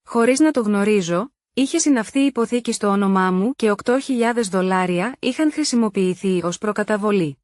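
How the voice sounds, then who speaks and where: A woman narrating a first-person drama story in an even, steady read. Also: medium pitch, dry recording, studio quality.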